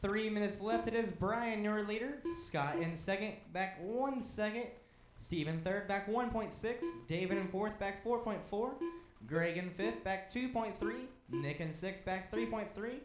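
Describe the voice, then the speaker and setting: A man directing a race, calling out lineups, cautions and standings in brisk, clipped commands. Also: high voice, roomy sound, music in the background, low-quality recording. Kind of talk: live race calling over a PA.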